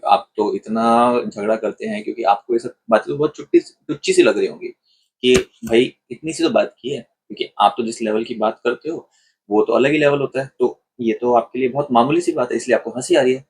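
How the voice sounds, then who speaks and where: A husky-voiced man at a middle pitch, casually reviewing a television episode. He retells the events in an animated way and acts out the quoted lines as he goes. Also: fairly quick. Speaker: online show reviewer. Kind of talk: casual commentary.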